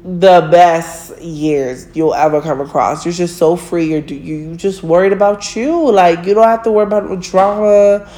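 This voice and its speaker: A woman's voice: fairly low pitch, normal speed, few pauses, warm tone. A woman, giving blunt relationship advice in a casual monologue, swearing freely and laughing at herself.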